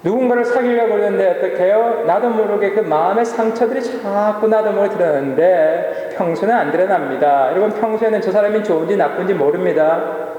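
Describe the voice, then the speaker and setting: A man's voice: high voice, brisk, dark tone. A male pastor preaching a sermon in a church, often asking the congregation questions and answering them himself. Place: church sanctuary. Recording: echoey church hall with long reverb.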